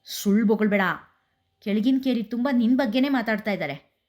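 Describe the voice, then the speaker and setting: A woman's voice: mid-range voice, lively intonation, normal speed, a little mellow, lightly acted. A woman voicing an angry man who harshly scolds his sister in bitter, raised words.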